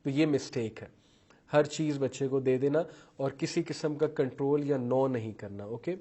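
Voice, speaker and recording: A man's voice: mid-range voice, warm tone. Man lecturing on parenting, mixing English terms. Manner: mixes English terms into Urdu, lists traits one by one; acts out parents' and children's words while telling examples. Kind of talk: explanatory talk on parenting styles.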